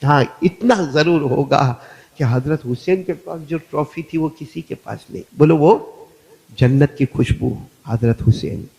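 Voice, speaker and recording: A man preaching a dramatic, emotional sermon, dropping to a hush and rising to shouts as he tells the story and calls on the crowd to answer. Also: fairly high pitch, a little slow, gravelly, husky, poor audio. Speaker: Islamic preacher.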